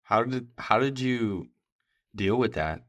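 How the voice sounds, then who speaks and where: A man's voice: fairly low pitch, lively intonation, slow pace, a bit bright. A young adult man in casual conversation as a podcast co-host, reflective and searching for his words as he asks questions.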